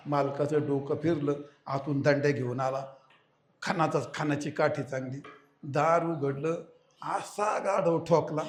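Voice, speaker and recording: A man preaching a devotional sermon, telling a folk fable with humor and lively storytelling. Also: on the high side, unhurried, a little hiss or hum. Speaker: kirtan preacher. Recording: echoey hall.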